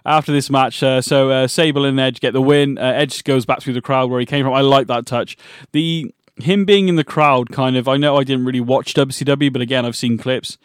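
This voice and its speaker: A man's voice: medium pitch, fairly even intonation, brisk, hardly any pauses, clear, resonant tone, no room sound. Hesitant man on a dry mic. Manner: hesitant, filler-heavy, laughs often. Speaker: podcast co-host. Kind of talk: casual chat.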